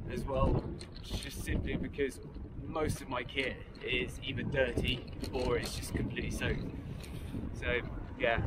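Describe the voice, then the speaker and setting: A man in his thirties chatting casually to camera while cycle touring, rambling with restarts and small laughs. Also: mid-range voice. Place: windy seaside street outdoors. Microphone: action camera close to the face. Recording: loud wind and traffic noise.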